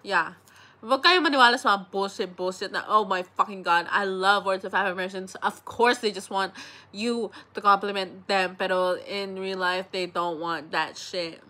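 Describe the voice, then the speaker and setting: A young woman with a Filipino accent rambles to her camera in a loose, chatty vlog, swearing casually. Her voice is bright and clear even while she is sick. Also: mid-range voice, measured pace. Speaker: vlogger. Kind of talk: casual chat.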